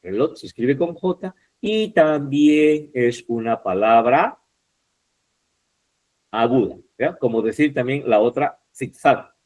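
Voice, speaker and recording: A man teaching an online class, explaining step by step, repeating key words slowly and checking in with short questions. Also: mid-range voice, expressive, darkish tone. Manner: mixes vosotros and usted forms.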